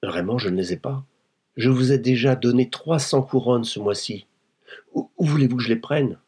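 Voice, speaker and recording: A man reading a novel aloud and voicing a frightened, desperate wealthy young wife who pleads in high, strained cries. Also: normal speed, darkish tone, husky, natural voice. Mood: panicked. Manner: pleading, breathless, rising to cries. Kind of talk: audiobook reading.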